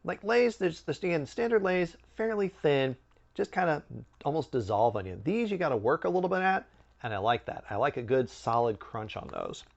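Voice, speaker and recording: A man hosting a snack review, chatting casually with animated, swooping emphasis. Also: fairly high pitch, normal speed, dull audio. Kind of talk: casual food review chat.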